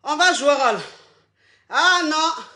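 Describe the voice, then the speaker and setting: A man hosts a playful online show, breathless and full of teasing laughter. His voice sits very high and sounds bright and forceful. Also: unhurried. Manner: flamboyant, teasing, laughs often, calls viewers "my loves". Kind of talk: playful live chat with viewers.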